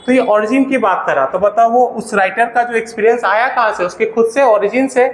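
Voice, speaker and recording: A man's voice: very high-pitched, normal speed, echoey room, low-quality recording. A man with an Indian accent teaching an English grammar lesson for exam preparation. He keeps asking questions and answering them himself. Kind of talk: classroom-style grammar lesson.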